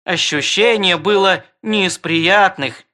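A man voicing a fussy male wedding robot with a creaky, metallic, barking voice, pedantic and long-winded, in an audiobook. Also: high-pitched, slow pace, sharp tone, pitched above the performer's own voice, full character voice. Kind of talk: audiobook character voice.

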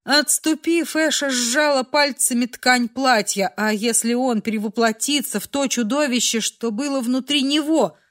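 Woman narrating a dark audiobook, higher voice. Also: normal speed, few pauses.

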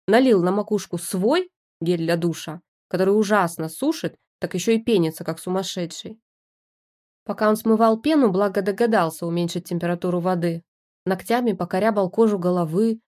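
A woman reading a first-person story aloud in a lively, wry storytelling manner. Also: medium pitch. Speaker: narrator.

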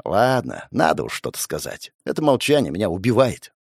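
Man reading an audiobook, mocking and sardonic, pitch all over the place, dry close sound. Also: huge pitch swings, brisk, vocal fry, a little mellow, husky, no echo. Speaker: audiobook narrator. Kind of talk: first-person audiobook narration.

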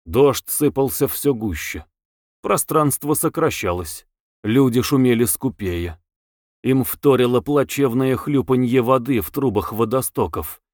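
A man reads a novel aloud as an audiobook narrator, with a lively, well-shaped intonation. His voice sits at a middle pitch in a dry, close recording with no room sound. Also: unhurried, no room sound.

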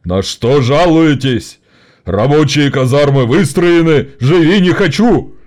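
A man voicing a pompous, well-dressed factory boss who bellows in a cracked bass in an audiobook. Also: moderate pace, natural voice. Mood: angry bellowing.

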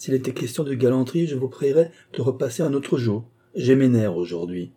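A man's voice: medium pitch, fairly quick, dark tone, slightly rough, pitched above the performer's own voice, close to an everyday voice. A man voicing a proud, passionate female courtesan in an audiobook reading, raising his voice for her. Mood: haughty. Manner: haughty, passionate.

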